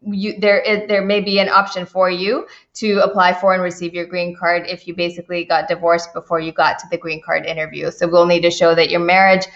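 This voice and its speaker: A woman with a slightly low voice hosts a live immigration Q&A. She talks in a chatty way, full of fillers and restarts, and greets viewers by name. The stream audio is dull and lo-fi. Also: level tone, fairly quick, a bit bright. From India. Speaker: immigration attorney hosting a live Q&A. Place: home office in the Washington DC area.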